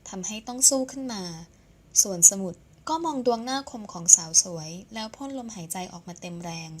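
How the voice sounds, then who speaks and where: A woman narrating a romance audio novel in a soft, measured way. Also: medium pitch, lively intonation, a little hiss or hum. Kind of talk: scripted narration.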